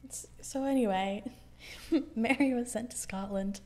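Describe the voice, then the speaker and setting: A young woman co-hosting a podcast, chatting casually about history with frequent laughs and quick asides. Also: a little high, a little mellow. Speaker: podcast co-host.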